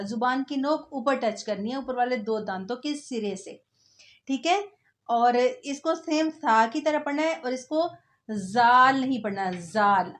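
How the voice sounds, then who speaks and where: High-voiced woman teaching slow recitation. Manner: drawn-out recited letters between explanations; patient, explanatory. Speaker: Quran reading teacher. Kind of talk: slow step-by-step recitation lesson.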